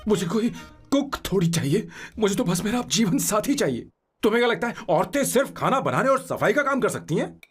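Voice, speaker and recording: An actor dubbing a lovelorn grown man who lectures his family loudly. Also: high-pitched, sing-song, a little fast, slightly rough, faint music behind, heavily acted. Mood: indignant. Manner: pleading, then lecturing loudly. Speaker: romantic lead. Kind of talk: Hindi film dub.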